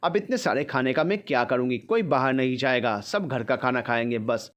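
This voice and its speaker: A man's voice: medium pitch, normal speed, fairly bright tone, natural voice. A man voicing a young wife who scolds and teases her husband. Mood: scolding. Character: young wife, sharp-tongued and teasing.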